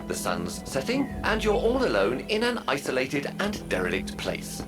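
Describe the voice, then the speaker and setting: A fussy, loyal robot companion from an adventure game. He speaks formally and pedantically, his pitch swinging very widely, with music clearly playing behind him. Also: wildly swooping pitch, normal speed. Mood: reassuring, pedantic. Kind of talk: stylized video game character acting.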